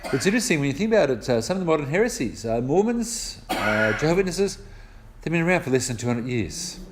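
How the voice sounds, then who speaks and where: A man's voice: a little high, big pitch swings, fast, background noise. An older man with an Australian accent preaching a sermon, explaining scripture step by step in a conversational way with personal anecdotes.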